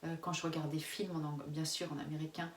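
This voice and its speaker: A Frenchwoman in her forties delivers a brisk, flat-toned vlog chat about her expat family life, speaking candidly, wandering off topic, restarting often and laughing plenty. Her voice runs low-ish, and the recording sounds roomy and distant with faint ambient hum.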